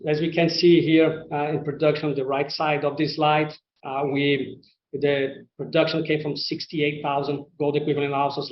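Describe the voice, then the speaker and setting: On a roomy, muffled conference-call line with faint noise, a man with a mid-range voice presents company results to investors as an executive. English isn't his first language, and his semi-scripted earnings call delivery is hesitant, halting, and full of repeated words.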